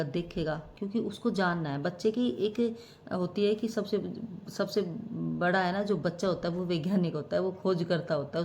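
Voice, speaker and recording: A woman vlogger talking casually to camera in a reflective way, pausing often with fillers. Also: mid-range voice, a little mellow. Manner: reflective, musing, with many fillers and hesitations.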